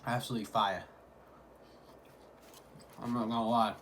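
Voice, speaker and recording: A man's voice: medium pitch, flat delivery, moderate pace, fairly bright tone. A man talking casually in a food vlog, hyping things up in repetitive slang. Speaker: mukbang vlogger. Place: at home. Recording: clearly noisy home recording.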